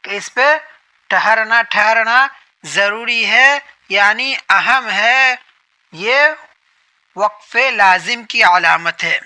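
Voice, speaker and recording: A man's voice: high-pitched, pushed and bright, smooth, low-quality recording. A man teaching a lesson on Quran reading, who repeats each point and asks questions that he then answers himself. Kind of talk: explanatory lesson.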